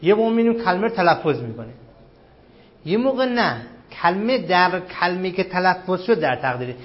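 In a fairly high, sing-song voice, a grammar teacher lectures, peppering his class with questions and going over key terms slowly. The lo-fi recording sounds dull and carries the sound of a classroom.

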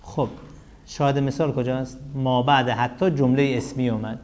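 A man teaching a classroom grammar lesson. He asks the class questions and answers them himself, and his voice drops to a low murmur at the ends of phrases. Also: steady tone, a little mellow. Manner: chants verse slowly.

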